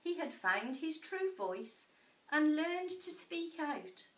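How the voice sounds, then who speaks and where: A woman reading a picture book to children in an expressive, dramatic style with deliberate pauses. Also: sits high. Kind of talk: expressive storybook narration for children. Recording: echoey room, distant mic.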